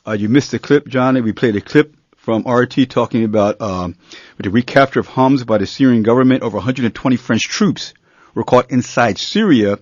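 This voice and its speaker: A man hosting a live radio talk show, introducing a guest in a relaxed, hesitant way with many fillers. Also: mid-range voice, brisk, no echo, muffled recording.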